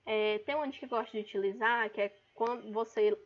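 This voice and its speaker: A woman teacher with a Brazilian Portuguese accent gives an online class, explaining patiently and calling out words to stress their syllables. Her voice is a little high, with fairly even intonation and a quick pace, captured in a dull lo-fi recording.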